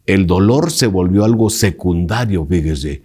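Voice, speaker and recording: A man's voice: low voice, expressive, a little slow, darkish tone, breathy edge. A male pastor teaching a Bible lesson, emphatic and preacherly, putting direct questions to his listeners.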